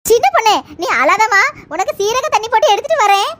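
A woman's voice: very high voice, lively intonation, fairly quick, a bit bright. A woman with a Kanyakumari Tamil accent voicing a grumpy, sleepy mother-in-law who nags and teases. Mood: nagging. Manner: nagging, teasing.

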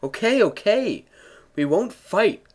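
A man voicing a whiny, lazy young hero in a fan-made parody who grumbles and cracks jokes. His voice jumps up and down in pitch. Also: sing-song, slow, a little mellow, full character voice. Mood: grumbling.

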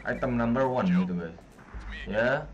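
A man's voice: mid-range voice, a little slow. A young man with an Indonesian accent giving casual gameplay commentary as a streamer. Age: young adult. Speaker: gaming streamer. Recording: muffled, noisy with game audio.

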